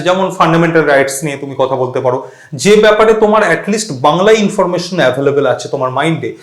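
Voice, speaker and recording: A man's voice: fairly high pitch, echoey room. A man giving a spoken English lesson, explaining step by step and spelling words out. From West Bengal. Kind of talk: instructional talk to camera.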